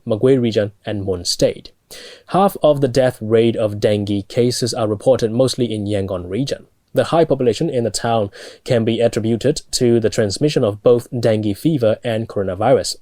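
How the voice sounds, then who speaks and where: A man's voice: lowish voice, a little mellow, dry recording. A young man with a Burmese accent reading scripted news as a studio anchor. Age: young adult.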